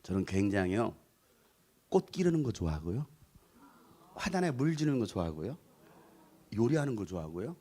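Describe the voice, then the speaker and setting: A man's voice: lowish voice, normal speed, pauses often. A middle-aged Korean pastor from North Jeolla telling his childhood story in a playful revival sermon and joking with the congregation. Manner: animated and playful, sings snatches of song and acts out voices; jokes with the congregation and asks them to raise hands. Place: church sanctuary.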